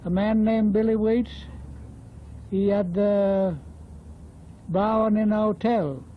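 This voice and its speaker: High-voiced old Australian man, in his nineties. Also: fairly even intonation, takes it slowly. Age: 90s. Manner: old man's rambling, repetitive storytelling. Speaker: interviewee, former bush labourer. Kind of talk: casual oral history reminiscence. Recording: dull lo-fi field interview tape.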